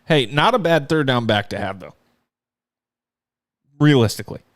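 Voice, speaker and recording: Smooth-voiced man co-hosting a sports podcast. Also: medium pitch, lively intonation, normal speed, fairly bright tone. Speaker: podcast co-host. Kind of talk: casual sports podcast chat.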